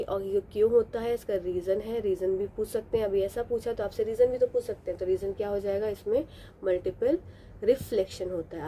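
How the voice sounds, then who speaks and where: A woman teaching an exam prep lesson. She reads each English question slowly, then explains it in Hindi with rhetorical questions. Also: mid-range voice, dark tone, a little hiss or hum.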